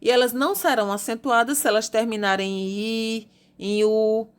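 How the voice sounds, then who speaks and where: Female schoolteacher from Brazil, fairly high voice, patient and methodical, recorded lesson. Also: steady tone. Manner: patient, spells out rules slowly, uses diminutives. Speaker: teacher. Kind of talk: recorded classroom lesson correcting homework.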